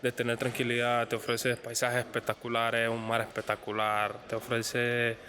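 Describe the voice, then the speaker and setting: A young man with a Colombian accent, speaking earnestly and haltingly in a documentary interview. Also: mid-range voice, monotone, background noise. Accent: Colombian Spanish. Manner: halting, repeats words, earnest. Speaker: professional footballer.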